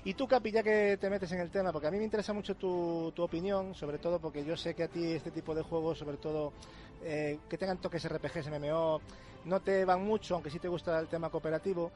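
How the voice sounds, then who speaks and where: Fast talking guy asking questions on a gaming podcast, bit of a high voice. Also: steady tone, darkish tone, soft background music. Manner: fast and eager, asks questions. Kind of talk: casual chat.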